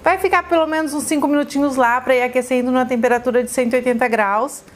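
A woman's voice: high-pitched, steady tone, fast. A woman with a Brazilian Portuguese accent hosting a chatty cooking demonstration in a kitchen, effusive and exclamatory, fondly addressing her viewers. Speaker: cooking show host.

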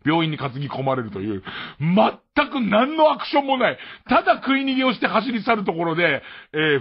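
A man's voice: a little high, slightly rough. A man from Tokyo with a Tokyo accent hosting a late-night radio show, rambling through a casual, self-mocking monologue with frequent chuckles. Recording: muffled mono radio archive.

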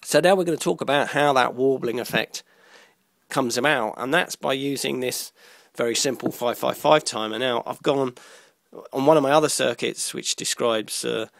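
A man gives a casual electronics tutorial, walking through it step by step in a halting manner and stopping partway through sentences. His voice is mid-range and gravelly.

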